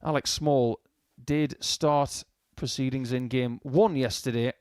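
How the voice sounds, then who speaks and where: A man's voice: mid-range voice, fairly even intonation, slow pace, darkish tone, clear, resonant tone. A man presenting live darts coverage and commentary.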